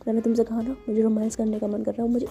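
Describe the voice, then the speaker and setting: A woman's voice: a little high, monotone, racing, vocal fry, warm tone, soft background music. Woman voicing Simran, bossy young woman. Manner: bossy, mock-threatening. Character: pushy young woman, impatient and demanding.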